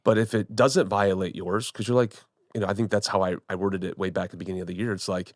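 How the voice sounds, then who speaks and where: A man's voice: low-pitched, steady tone, fast talker, dry recording, clean studio sound. A man in his forties, a pastor co-hosting a casual church podcast, talking conversationally and often repeating words as he thinks. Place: studio room with podcast team.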